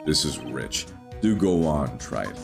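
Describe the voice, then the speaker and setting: A man voicing a smug, brooding male prosecutor in a low gravelly voice, for a game playthrough. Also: very animated, unhurried, faint music behind, exaggerated voice.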